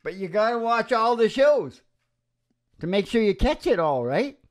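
Speaking at a moderate pace with big swings in pitch, an older man with a high voice hosts a radio music show. He jokes and rambles wryly into a close stand microphone, chuckling often, inside a small, dim room with a wood-panelled wall.

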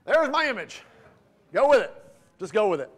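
Folksy high-voiced preacher. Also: male voice, very animated, a bit bright. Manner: folksy storytelling, slows down to read scripture. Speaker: pastor. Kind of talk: casual preaching sermon. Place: church sanctuary.

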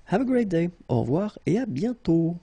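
A man's voice: high-pitched, sing-song, normal speed, gravelly, mellow, husky, dry recording. A man with a French accent teaching a language lesson, patiently drilling each verb form aloud. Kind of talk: slow, repetitive language lesson.

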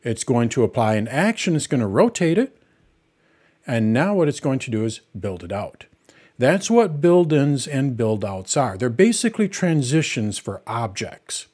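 With a husky, very animated medium-pitched voice at normal speed, a middle-aged man guides viewers through a software tutorial step by step. He stays plain and patient as he works on screen.

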